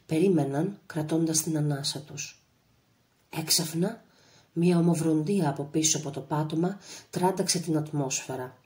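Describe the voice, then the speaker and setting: Low-voiced woman reading an audiobook. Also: a little mellow. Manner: measured, dramatic reading. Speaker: audiobook narrator. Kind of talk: literary audiobook narration.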